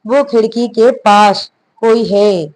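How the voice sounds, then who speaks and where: A woman's voice: on the high side, slow, darkish tone, poor audio. A woman reading the lines of a frightened, stubborn young bride who pleads innocently. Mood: scared.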